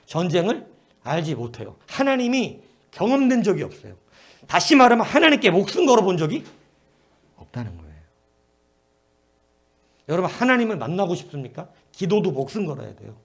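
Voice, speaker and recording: A middle-aged male pastor preaching a prayer-meeting sermon, telling stories in an animated way and swinging between emphatic bursts and low asides. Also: a little fast, long pauses.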